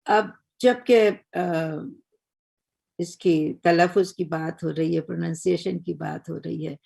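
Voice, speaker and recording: An older woman giving a lecture on Urdu, explaining patiently and measured, often checking in with her listeners. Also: fairly low pitch, fairly even intonation, vocal fry, a little mellow, husky. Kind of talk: recorded lecture.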